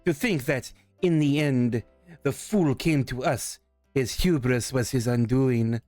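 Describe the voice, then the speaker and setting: A noble, loyal lady knight, acted by a man in a mid-low register, speaking in solemn archaic phrases. The fantasy role-play is recorded close and dry, with music underneath. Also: takes it slowly, a little mellow, no echo, natural voice.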